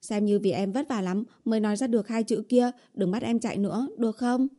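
Casting: woman reading a pleading young woman in an audiobook, coaxing and whiny, with a mellow dark tone. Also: fairly high pitch, fairly quick, voice pushed up, natural voice. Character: young woman, coaxing and whiny, sweet-talking her boyfriend. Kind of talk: audiobook character voice.

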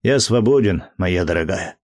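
A man reading an audiobook, voicing an earnest, emotional young man deeply in love in a fervent, slow delivery. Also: expressive, darkish tone, no echo, clean studio sound.

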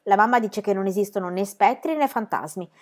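A woman's voice: medium pitch, fairly quick, close to an everyday voice. A young storybook boy who puts on a show of bravado, as a woman reads him. His voice sits near the reader's own, with a swaggering edge. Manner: swaggering, then shouting in alarm. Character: young boy trying to act brave.

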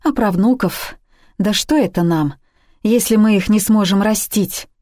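A woman's voice: mid-range voice, a little slow, dark tone, no room sound, studio quality, voice pushed up, lightly acted. A woman reading the part of an aging, worried mother who speaks curtly and reproachfully in a story. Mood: cold. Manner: curt and reproachful, then sobbing laments.

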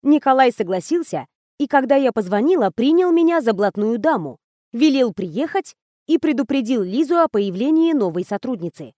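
A woman's voice: on the high side, sing-song, moderate pace, dark tone, dry recording, studio quality. A woman narrating a first-person ironic story as an audiobook reader.

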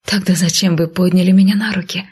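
A woman's voice: lowish voice, fairly even intonation, fast, darkish tone, husky. A woman reading an audiobook, voicing a proud, frightened young noblewoman in tense, breathless whispers.

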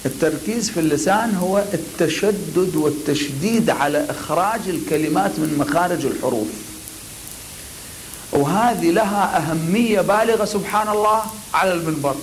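A male cleric lectures on oratory in a high, deliberate voice. He leans on key words and lets short silences frame them, with a faint hiss under the recording. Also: poor audio. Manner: deliberate and emphatic, pausing before key words. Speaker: cleric teaching preaching.

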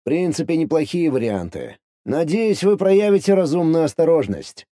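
A composed, secretive man, as a male reader plays him, speaking calmly and a bit condescendingly, as an adult speaks to a child. His mellow, darker voice moves with lively pitch but stays controlled, recorded dry and close. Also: dry recording. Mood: weary. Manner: calm, measured, condescending. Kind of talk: audiobook dialogue reading.

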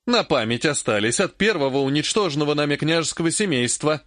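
A man reading an audiobook, voicing a furious, grasping old woman mage in a raised, shrill, scolding voice. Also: animated, fairly quick, no room sound, studio quality. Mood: grumbling menace. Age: older.

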